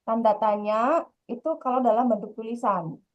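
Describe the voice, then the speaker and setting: A woman's voice: a little high, normal speed. A woman teaching a grammar lesson, explaining patiently and repeating her points. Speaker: Korean language teacher. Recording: dull lo-fi sound.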